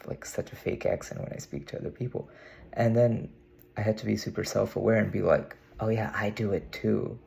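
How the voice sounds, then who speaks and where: A young man from India vlogs to camera in a casual, meandering monologue, using a put-on American accent. His lowish voice is creaky and a little mellow, and he muses aloud with frequent "you know"s. The sound comes from the camera mic.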